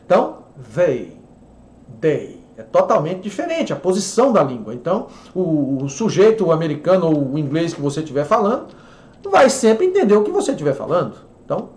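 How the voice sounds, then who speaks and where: A Brazilian man teaching English pronunciation in an online lesson, explaining and repeating words slowly for drilling. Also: on the high side, reverberant.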